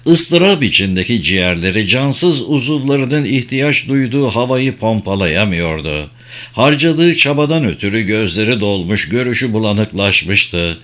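A man reading a novel aloud as narrator in a measured, even manner. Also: medium pitch. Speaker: audiobook narrator. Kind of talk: scripted narration.

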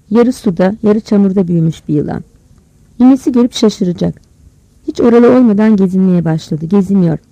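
Audiobook narrator, even measured reading, gravelly and mellow, dry close mic. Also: medium pitch, no room sound, highs cut off.

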